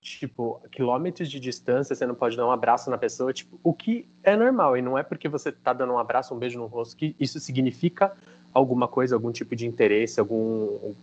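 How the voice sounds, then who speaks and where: A man with a Brazilian Portuguese accent hosts a casual interview, telling a story with animated energy and acting out what people said. His voice sits in a middle pitch, and the recording sounds dull and lo-fi. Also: fast talker. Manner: animated storytelling, quoting others. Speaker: host.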